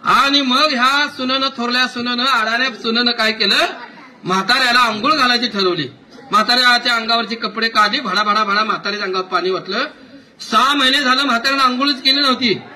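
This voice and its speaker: A man telling a comic folk tale to a live audience, talking to his listeners directly in a lively way. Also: extremely high pitch, fairly quick, recorded from a distance, a little hiss or hum. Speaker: storyteller.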